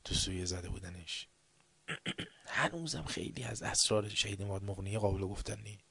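A man delivering a sermon in a storytelling way, with rhetorical questions, swinging from hushed whispers to loud, emphatic outbursts. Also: on the low side, lively intonation, creaky, slightly rough. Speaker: religious speaker.

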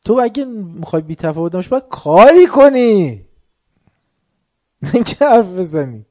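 A man giving a religious lecture, swinging between soft asides and loud, heated outbursts. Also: high voice, sing-song. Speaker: preacher.

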